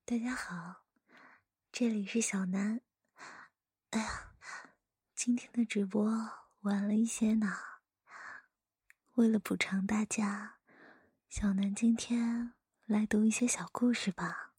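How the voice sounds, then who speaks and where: Woman acting a teasing older sister, breathy whispered role-play right in your ear. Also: medium pitch, fairly even intonation, a little mellow, no room sound, clean studio sound, exaggerated voice. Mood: soft, sweet. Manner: slow, intimate whispering right in the listener's ear. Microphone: close microphone, dry.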